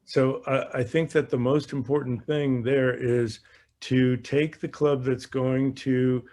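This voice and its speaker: Hosting an online Q&A, a golf coach offers conversational instruction in a live question session, repeating phrases frequently. His male voice is mid-range and dark, with a flat delivery and a slow pace.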